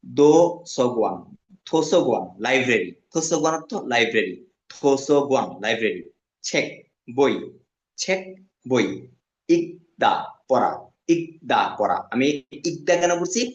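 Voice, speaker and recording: Man teaching a slow, repetitive language class. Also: medium pitch, animated. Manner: repeats each word slowly, then gives its meaning. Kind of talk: classroom lesson. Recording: echoey, dull lo-fi sound.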